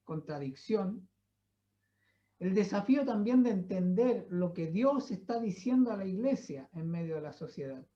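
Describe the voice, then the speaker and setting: A woman giving a Bible teaching sermon at a church, in a measured, reflective way, often checking in with tag questions and pauses. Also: lowish voice, dark tone. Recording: slightly dull, muffled recording.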